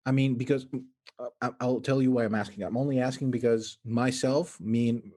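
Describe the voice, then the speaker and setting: A man's voice: medium pitch, steady tone, a little fast, dark tone. A man hosting a casual video-call interview, rambling and self-deprecating. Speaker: interview host.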